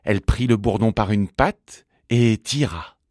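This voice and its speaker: A man narrating a children's storybook in an expressive, singsong manner. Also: lowish voice, a little slow, no echo, studio quality.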